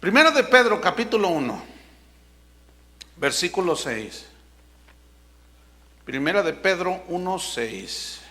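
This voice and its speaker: A man delivers a sermon in a high, ringing voice. He preaches emphatically and draws out the words he wants to stress. His voice carries a long reverb, as if spoken in a big hall. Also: very animated, slow pace, pauses often, pushed and bright. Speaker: pastor.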